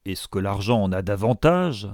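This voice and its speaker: A cool, aristocratic count who answers curtly, as voiced by a male narrator. The voice is low and gravelly, dry and close. Audiobook figure. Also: a little slow, mellow, no room sound. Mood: cold. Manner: cold, curt.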